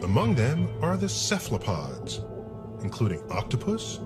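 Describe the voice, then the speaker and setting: A man's voice: mid-range voice, wildly swooping pitch, normal speed, over loud music. A man hosting and narrating a scripted nature documentary.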